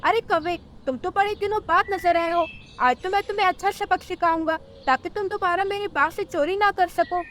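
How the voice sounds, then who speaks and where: Stern parrot orchard guard voiced by a woman, scolding, very high pitch, cartoon. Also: moderate pace, a bit bright, a little hiss or hum. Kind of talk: cartoon storytelling.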